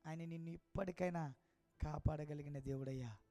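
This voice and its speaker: A man preaching his life testimony, swinging between loud impassioned cries and hushed, low tones. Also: steady tone, moderate pace, soft background music. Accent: Telugu. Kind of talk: emotional testimony sermon.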